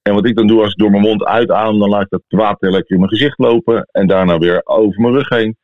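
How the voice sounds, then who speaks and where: A Dutch man with a fairly low voice hosts a casual podcast in an informal, personal way. His accent is from the Netherlands. The sound is narrow, like a phone line. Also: fairly even intonation, fast. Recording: thin phone-like sound, echoey room.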